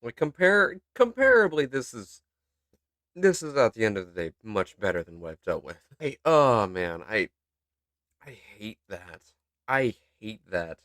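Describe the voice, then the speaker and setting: Young male co-host, very lively pitch, loud laugher, dry close mic. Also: unhurried, dry recording. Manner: animated, laughs loudly, swears. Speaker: podcast co-host. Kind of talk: casual chat.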